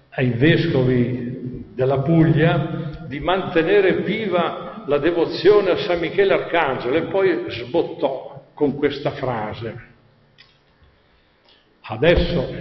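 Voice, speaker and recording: An older man from Alto Adige giving an animated religious testimony to an audience, conversational and lively in his storytelling. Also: fairly high pitch. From Alto Adige, Italy. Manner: animated, conversational, acts out quoted voices. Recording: echoey hall, dull sound.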